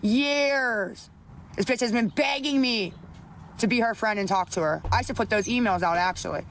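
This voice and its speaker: A woman's voice: a little high, moderate pace, a bit bright, slight background noise. Profane, pleading woman livestreamer. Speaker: livestreamer asking viewers for money. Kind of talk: upset livestream rant.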